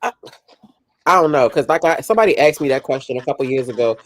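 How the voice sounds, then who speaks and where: Quick and expressive, this forties-aged podcast co-host has a very deep voice and speaks frankly and emphatically in casual chat, repeating herself to make her point. The recording has no echo.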